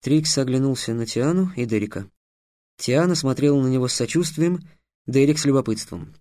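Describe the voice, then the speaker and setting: Мужчина читает художественный текст размеренно и ровно, как рассказчик аудиокниги. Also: male voice, mid-range voice, brisk, warm tone, no room sound, clean studio sound. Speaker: audiobook narrator. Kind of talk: scripted narration.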